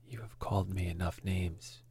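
A man voicing a proud young son accused of theft, speaking in a breathy whisper as whispered role-play, indignant and stubborn. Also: sits low, monotone, normal speed, warm tone, heavily acted. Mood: defiant.

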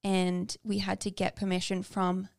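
A woman's voice: mid-range voice, completely flat delivery, a little slow, vocal fry. A young woman co-hosting a podcast, candidly telling personal stories in casual chat. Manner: candid, personal storytelling with fillers. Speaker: podcast co-host.

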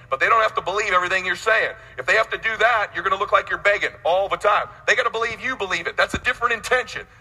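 A man in his late forties gives a blunt, swearing sales pep talk. His voice is fairly high, bright and gravelly. It has a husky edge. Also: big-room sound, low-quality recording. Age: 40s. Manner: blunt, intense, preachy, swears freely. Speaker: motivational sales speaker. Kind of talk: motivational speech.

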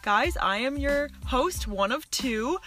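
A woman's voice: sits high, expressive, slow pace, fairly bright tone, faint music behind. A young woman in her twenties hosting a casual podcast, teasing her guest playfully and giggling often. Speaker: podcast host.

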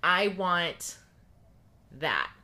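A woman's voice: fairly low pitch, extremely slow. A woman co-hosting a podcast, chatting casually with lots of laughs and fillers. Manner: animated, giggly, lots of fillers. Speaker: podcast co-host. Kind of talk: casual chat.

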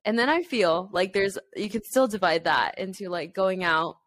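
A woman's voice: medium pitch, moderate pace, a bit bright. A woman in her twenties hosting a podcast in a casual, chatty style. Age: 20s. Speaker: podcast host. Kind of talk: casual chat.

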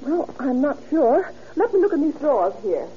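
An actress playing a respectable, worried American housewife in an old radio drama, earnest and expressive. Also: female voice, sits high, moderate pace. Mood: flustered. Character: respectable, anxious American housewife burgled by sailors. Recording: muffled, noisy old radio recording.

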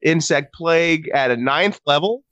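Male player, bright and forceful tone, goofy. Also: fairly high pitch, moderate pace, muffled recording. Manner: playful, goofy. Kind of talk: casual tabletop game chat.

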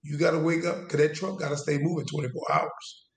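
A man in his forties tells his story as a guest, drawing out his words and circling back on himself with restarts. His voice sits a little high for a man. The room around him sounds echoey. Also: level tone. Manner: casual Southern US speech, drawn-out and halting with restarts. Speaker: interview guest, veteran. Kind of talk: conversational storytelling. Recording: roomy echo.

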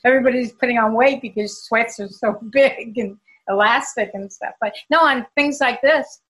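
A woman's voice: fairly high pitch, normal speed, fairly bright tone, poor audio. A woman, an actress, chatting and laughing through her words on a video call. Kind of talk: casual video-call chat.

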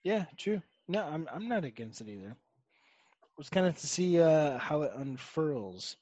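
A man's voice: fairly high pitch, very animated, a little slow, mellow, no room sound. A man co-hosting a casual podcast chat from a video call, blunt and opinionated. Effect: remote voice on a video call over an internet connection. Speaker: podcast co-host.

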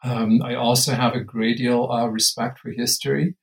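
A man's voice: medium pitch, flat delivery, normal speed, poor audio. A man in his fifties, born in Lithuania, speaking as an anthropology professor in an interview, thoughtful and full of hesitations. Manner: thoughtful, many hesitations and fillers. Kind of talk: academic interview.

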